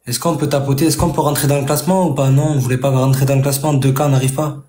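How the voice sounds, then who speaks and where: A man's voice: mid-range voice, steady tone, racing, dark tone. A man venting to his viewers during a live gaming stream. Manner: agitated, venting, talks straight to viewers. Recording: roomy with faint noise.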